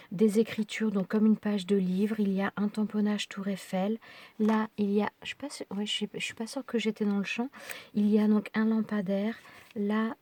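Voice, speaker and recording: A middle-aged woman chats through her craft mail in a casual home vlog. Her voice is husky and sits at a middling pitch. She hesitates often and drops into soft whispers now and then. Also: dry recording. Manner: chatty, hesitant with fillers and small whispered asides. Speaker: craft vlogger. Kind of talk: casual unboxing chat.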